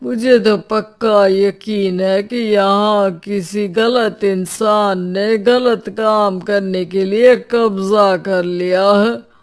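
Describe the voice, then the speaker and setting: A woman voicing a sceptical, level-headed young man who reasons with others in an animated story. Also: mid-range voice, very slow. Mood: firm, reasoning.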